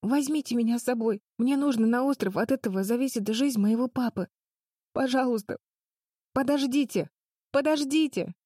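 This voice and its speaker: A woman's voice: fairly high pitch, moderate pace, mellow, breathy edge, dry recording, studio quality, pitched above the performer's own voice. A woman voicing Agni, a desperate young girl who pleads in a breaking voice. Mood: pleading.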